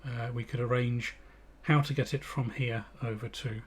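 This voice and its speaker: A husky English man speaking at an ordinary middle pitch as he hosts a casual live stream. He rambles loosely, backtracking and filling gaps with ums and uhs. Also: steady tone, moderate pace. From England. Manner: rambling with frequent fillers and restarts. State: out of breath. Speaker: livestream host.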